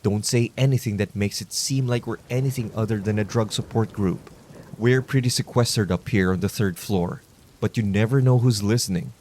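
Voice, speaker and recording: A wary, hushed group leader, as a male narrator puts him on lays down rules in a low, cautious voice. The tone is quiet and guarded, made for a narrated horror story. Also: moderate pace, a little hiss or hum, close to an everyday voice. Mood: warning.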